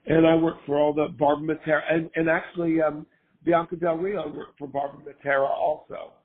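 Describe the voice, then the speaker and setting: An older man, hoarse from a cold, chatting casually as an interview guest and rambling with lots of fillers. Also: on the high side, flat delivery, a little fast. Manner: rambling, full of fillers and restarts. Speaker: guest, former costume maker. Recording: tinny phone-line sound.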